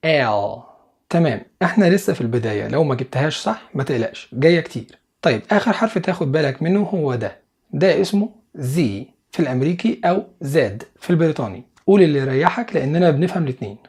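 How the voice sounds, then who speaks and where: A man with an Egyptian Arabic accent teaching English pronunciation to beginners, patiently repeating each sound slowly and reassuring the learner. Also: on the high side, a little mellow, breathy edge.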